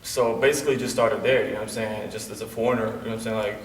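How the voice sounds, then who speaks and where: A man in his late twenties from Bosnia, a wrestler, chats laid-back as an interview guest, his speech packed with "you know what I'm saying." He talks rapid-fire in a fairly low, steady voice. There's a little hiss or hum and a roomy echo, as if recorded from a distance.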